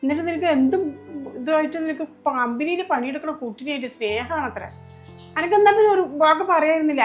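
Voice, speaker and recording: A woman's voice: high voice, natural voice. A woman playing a stern mother in a family short film, emphatic and reproachful. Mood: angry, scolding. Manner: scolding, emphatic, lamenting. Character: stern mother, fiercely protective of her daughter-in-law. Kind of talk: home-made family drama acting.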